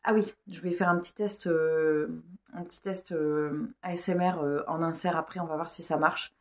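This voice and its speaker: Female vlogger, slightly low pitch, informal rambling delivery with a searching, hesitant flow. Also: steady tone, moderate pace. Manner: informal, hesitant, thinking aloud. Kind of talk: casual rambling vlog chat.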